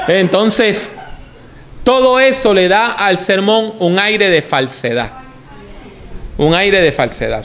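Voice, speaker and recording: A preaching teacher gives a conversational lesson on how to preach, illustrating his points by demonstrating with his voice. His voice sits high and has a fairly bright tone.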